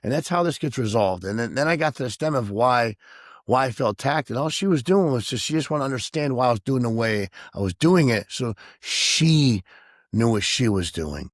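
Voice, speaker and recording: A man co-hosting a podcast, talking candidly and emotionally about his own past behavior, halting and self-reflective. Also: mid-range voice, expressive, dry recording, studio quality. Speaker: podcast co-host. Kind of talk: candid personal conversation.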